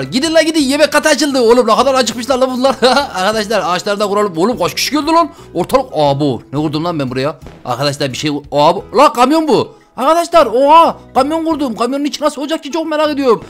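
A young man giving excitable, chatty commentary on a game, talking straight to his viewers. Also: high voice. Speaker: gaming YouTuber. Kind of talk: casual Let's Play commentary.

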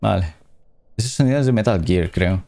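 A man's voice: fairly low pitch, moderate pace, vocal fry, dark tone, faint music behind. A man commentating a horror game as he plays, reading the game's dialogue aloud between casual reactions. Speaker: gameplay commentator. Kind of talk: let's play commentary.

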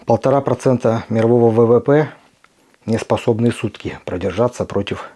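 A middle-aged Ukrainian video blogger speaks straight to camera in an impassioned address. His mid-range voice has a dark tone, and he talks earnestly and emphatically, pausing deliberately.

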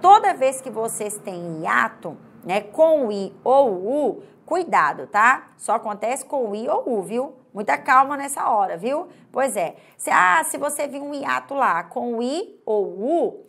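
A woman from Brazil gives an online grammar lesson in a slightly high voice. She stretches out example words and keeps checking in with her students. Her pace is uneven, with slow stretches and quick bursts. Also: big pitch swings, vocal fry, a bit bright. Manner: pauses and hurries unevenly. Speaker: Portuguese language teacher.

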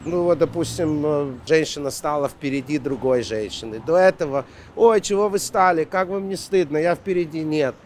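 A middle-aged man from Ukraine, a shop co-owner, answering a street interview in a quick, halting way, searching for his words. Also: a little high. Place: city sidewalk outdoors. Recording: loud street noise outdoors.

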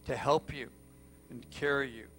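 A male pastor preaching a sermon, telling a story with passion and swinging from loud to hushed. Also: medium pitch, steady tone, normal speed, slight background noise.

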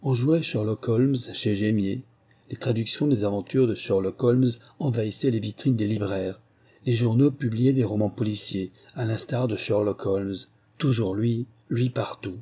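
Mellow, husky male audiobook narrator. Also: fairly low pitch. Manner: measured, literary storytelling. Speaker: audiobook reader. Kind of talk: scripted narration.

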